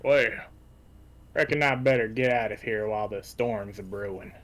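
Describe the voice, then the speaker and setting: A man's voice: lowish voice, moderate pace, a bit bright, lightly acted. Man doing a drawling cowboy. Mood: laconic. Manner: drawling, folksy. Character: laconic male cowboy adventurer.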